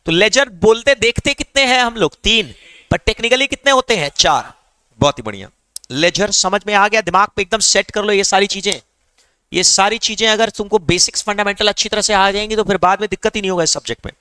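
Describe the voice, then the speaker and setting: A male accounting teacher drilling his class with rapid questions and demanding quick answers. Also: sits high, sharp tone, smooth, no room sound.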